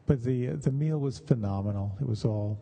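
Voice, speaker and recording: Telling personal stories in a conversational meditation talk, a middle-aged or older man speaks with a medium-pitched, gravelly, dark voice. His delivery is measured and halting, broken up by pauses.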